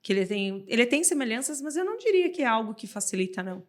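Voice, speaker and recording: A woman's voice: on the high side, sing-song, quick pace. A woman, a podcast guest, chatting casually and telling stories with frequent laughs. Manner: chatty storyteller who laughs often.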